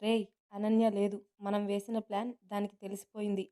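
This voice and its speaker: A woman's voice: mid-range voice, little pitch movement, a little fast, dark tone, close to an everyday voice. A woman narrator voicing a furious, scheming middle-aged mother who speaks harshly and makes threats. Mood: angry.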